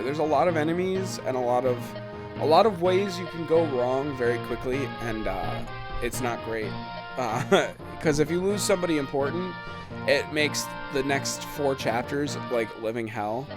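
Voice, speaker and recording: Rambling young man, game music behind. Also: a little high. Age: 20s. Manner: rambling, lots of ums and uhs. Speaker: let's play host. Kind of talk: casual gameplay commentary. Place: at home during quarantine. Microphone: webcam setup.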